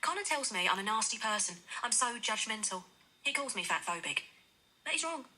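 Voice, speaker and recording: A woman's voice: fairly high pitch, sing-song, fairly quick, sharp tone, heavily acted, low-quality recording. A woman reading an audiobook as a judgmental young woman telling her story in the first person, played back from a speaker. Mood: defensive. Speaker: audiobook narrator. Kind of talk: scripted audiobook narration.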